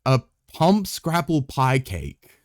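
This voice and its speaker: A man's voice: mid-range voice, wildly swooping pitch, takes it slowly, dry recording, studio quality. A young man live-streaming a game, chatting casually in a rambling way, swearing freely, with wry asides to his viewers.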